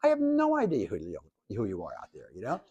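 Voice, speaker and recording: Animated man in his seventies lecturing. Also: medium pitch, quick pace, breathy edge, dull audio. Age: 70s. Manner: animated, jokey, talks to the audience, restarts often. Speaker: professor and speaker. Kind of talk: lively classroom lecture.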